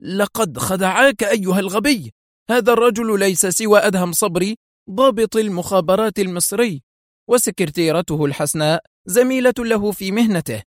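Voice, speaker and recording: A man voicing a menacing elderly male spymaster who shouts threats through clenched teeth. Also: medium pitch, moderate pace, no echo, studio quality, lightly acted. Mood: furious.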